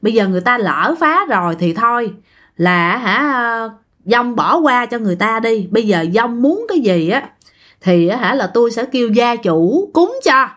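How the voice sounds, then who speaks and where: A woman's voice: fairly high pitch, big pitch swings, moderate pace, fairly bright tone. A woman with a Southern Vietnamese accent telling a ghost story casually, chatting straight to her listeners.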